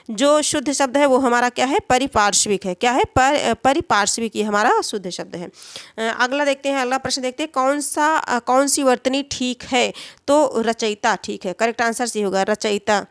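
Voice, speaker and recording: A woman's voice: fairly high pitch, dry recording, clean studio sound. A woman teaching a Hindi spelling exam lesson, who repeats each answer and asks and answers her own questions.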